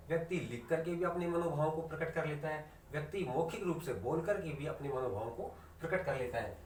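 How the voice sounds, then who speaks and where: Recorded from a distance in an echoey room with slight background noise, a man from India teaches Hindi online in a somewhat high, a little mellow voice. He asks his students questions, then answers them himself, repeating the key terms and slowing sharply whenever he stresses a definition.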